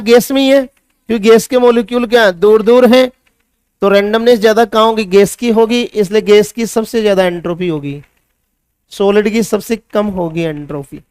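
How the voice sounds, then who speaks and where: High-voiced Hindi male chemistry teacher. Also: a little mellow, smooth, dry recording, studio quality. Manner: asks students questions and answers himself; mixes English science terms with Hindi. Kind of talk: classroom lecture.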